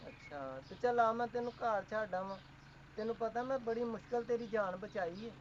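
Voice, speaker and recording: A woman's voice: a little high, moderate pace, close to an everyday voice. A woman playing a bold young dancer who coaxes and teases. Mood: coaxing. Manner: coaxing, teasing. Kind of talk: comedy sketch acting. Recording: dull lo-fi recording with faint noise.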